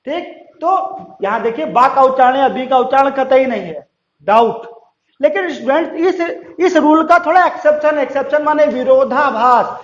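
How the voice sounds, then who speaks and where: A man teaching a lesson to students, repeating each rule slowly and asking them questions before answering himself. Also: extremely high pitch. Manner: slow, drawn-out repetition of rules; addresses students directly, asks and answers questions. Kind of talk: classroom-style lesson. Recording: roomy, slightly dull sound.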